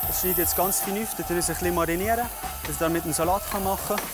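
A man's voice: high voice, fairly even intonation, rapid-fire. A man in his twenties, a chef casually explaining his cooking. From Valais, Switzerland. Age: 20s. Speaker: chef and contestant. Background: music.

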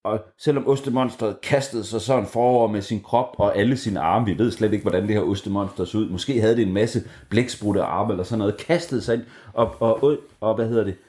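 A man's voice: lowish voice, hardly any pauses, dark tone. A man improvising a bedtime story for children, narrating playfully and animatedly with sound effects and ums.

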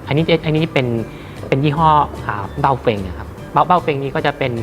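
A man giving an informal product demonstration as a seller, haltingly, with many repeats and hesitations. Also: a little high, over music. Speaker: radio equipment seller.

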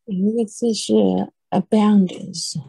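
Patient woman tutor, husky and dry. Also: fairly low pitch, lively intonation, dry recording, rough recording. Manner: patient, repeats words slowly and explains in Chinese. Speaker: English tutor. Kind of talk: one-on-one pronunciation lesson.

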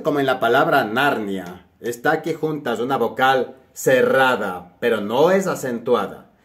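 In a video tutorial, a man from Ecuador who teaches spelling explains grammar rules one step at a time, pausing to check on the viewer. His pitch is medium.

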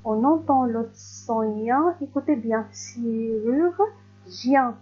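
Female primary teacher for a recorded reading lesson, stretched-out words, mellow tone, dull lo-fi recording. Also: high-pitched. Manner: slow, clearly stretched words, patient.

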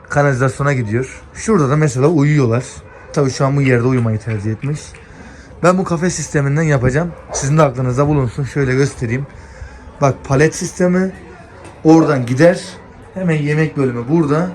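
Guy touring a shelter on camera, kinda high voice, dogs barking all around, noisy outdoor clip. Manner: chatty, addresses viewers directly, talks gently to dogs. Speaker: vlogger touring an animal shelter. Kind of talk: casual walk-and-talk vlog.

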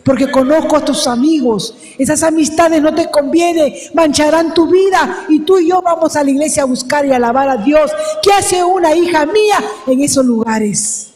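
A woman's voice: sits high, normal speed, hardly any pauses, darkish tone, big-room sound, a little hiss or hum, natural voice. A woman voicing a stern but caring middle-aged father who talks in a firm, scolding way.

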